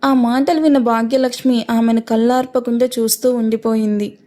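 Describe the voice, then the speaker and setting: A woman reading an audio story as narrator, calm and even. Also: on the high side, fairly quick.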